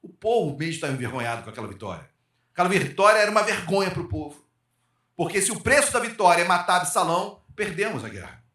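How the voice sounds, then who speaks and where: Pastor preaching in an echoey hall. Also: male voice, sits high, big pitch swings, fast. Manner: calls out to the congregation for amens, rises and drops sharply in loudness. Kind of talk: sermon. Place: church hall.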